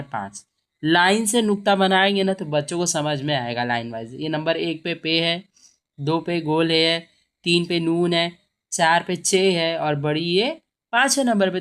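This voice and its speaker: A woman's voice: fairly low pitch, measured pace. Patient woman teacher sounding out words. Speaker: Urdu teacher. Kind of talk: explaining a textbook lesson.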